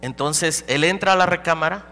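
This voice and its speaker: A man preaching a dramatic personal testimony as a pastor, swinging between loud and hushed. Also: fairly high pitch, moderate pace. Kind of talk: sermon testimony. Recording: live hall recording with reverb and hum.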